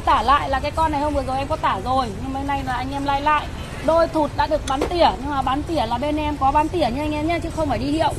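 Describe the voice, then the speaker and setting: High-pitched Northern Vietnamese woman hard-selling, noisy street. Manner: insistent, repetitive, addressing viewers directly. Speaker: used scooter seller hosting a live sale. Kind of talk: hard-sell live sales pitch, unscripted. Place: outdoors on a busy city street outside a shop. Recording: noisy street recording with traffic and chatter.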